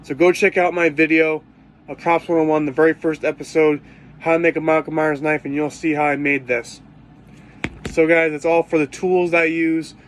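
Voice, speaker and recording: A man with a sore throat talks quietly through a casual vlog, his voice sitting a bit high for a man. He rambles, restarts and hunts for words as he goes. A faint hum of background noise sits under him. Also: little pitch movement, normal speed. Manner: rambling, searches for words with many fillers. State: sore throat, talking low. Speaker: cosplay vlogger.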